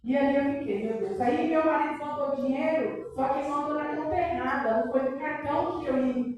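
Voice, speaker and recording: A woman's voice: high-pitched, brisk, a little mellow. A middle-aged woman with a Brazilian accent giving an emotional church testimony, breaking in often with praise and prayer. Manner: emotional, peppered with praise interjections. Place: church hall. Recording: very echoey church hall from far off.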